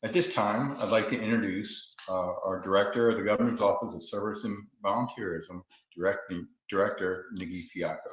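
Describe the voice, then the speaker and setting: A man's voice: on the low side, steady tone, brisk. A man hosting a virtual ceremony, thanking the honoree and introducing the next speaker. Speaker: ceremony host. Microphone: video call. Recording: echoey, lo-fi video call audio.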